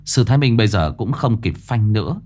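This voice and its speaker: A man reading a ghost story aloud in a dramatic, expressive storytelling style. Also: lowish voice, brisk. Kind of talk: storytelling narration.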